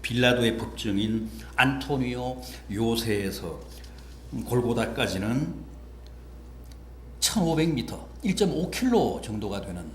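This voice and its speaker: A man's voice: medium pitch, animated, measured pace, slight background noise. Dramatic preaching man in echoey church. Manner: dramatic preaching with swings from hushed to loud. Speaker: pastor. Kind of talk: sermon. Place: church sanctuary. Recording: echoey church with faint ambience.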